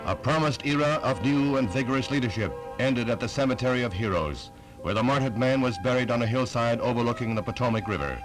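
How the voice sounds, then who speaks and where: A man's voice: medium pitch, fast, over music, poor audio. A man narrating a 1960s newsreel with a solemn, stately delivery.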